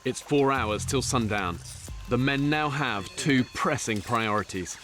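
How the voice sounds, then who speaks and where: A man delivering scripted documentary narration in a measured, explanatory way. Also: mid-range voice, noisy background. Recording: voice-over with music behind.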